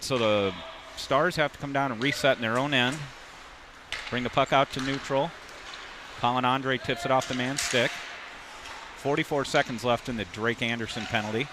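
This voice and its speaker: A man giving amateur play-by-play commentary on a youth hockey game, calling the action quickly and with rising excitement. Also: medium pitch, noisy background.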